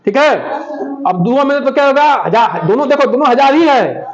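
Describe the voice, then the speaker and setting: A man's voice: very high-pitched, lively intonation, moderate pace. A male primary school teacher leading a math lesson in class, asking the children questions again and again. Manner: repetitive call-and-response questioning. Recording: dull lo-fi classroom recording with children.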